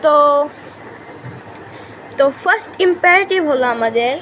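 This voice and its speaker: A woman teaching English to kids in a casual online lesson, repeating each phrase slowly for practice. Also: sits high, lively intonation, muffled recording, a little hiss or hum.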